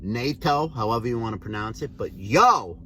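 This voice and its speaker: A man's voice: fairly low pitch, lively intonation, measured pace, a little hiss or hum. A man talking casually to camera in a loose, slangy, rambling vlog chat. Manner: laid-back, slangy, rambling. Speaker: vlogger.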